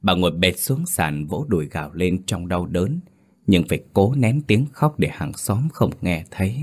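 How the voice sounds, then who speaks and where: A man with a very deep, low voice narrates a scripted horror story. His delivery is measured and dramatic, unhurried through each phrase. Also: lively intonation, darkish tone, husky.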